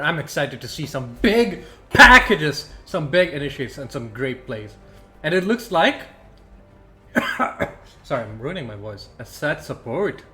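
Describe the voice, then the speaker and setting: A young man casting a student esports tournament alone on a stream, chatty and self-deprecating, thinking out loud between picks. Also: mid-range voice. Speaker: esports caster. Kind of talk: solo livestream commentary.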